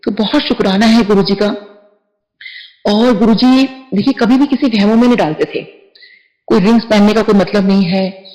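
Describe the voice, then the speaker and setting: A woman's voice: mid-range voice, moderate pace, a little mellow, reverberant, rough recording. A middle-aged woman earnestly telling a devotional testimony, slipping English words into her speech.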